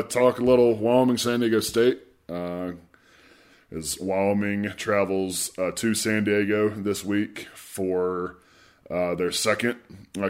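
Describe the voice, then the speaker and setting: Congested, low-voiced man hosting a sports podcast. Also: clear, resonant tone. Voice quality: congested, stuffy nose from a cold. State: congested with a cold. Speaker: podcast host and sports writer. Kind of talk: casual sports podcast talk.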